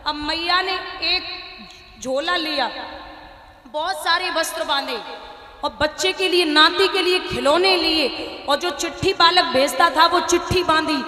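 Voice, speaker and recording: Bright-voiced woman telling a devotional story. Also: very high-pitched, measured pace. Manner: emotive, addresses listeners as maharaj. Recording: echoey hall reverb.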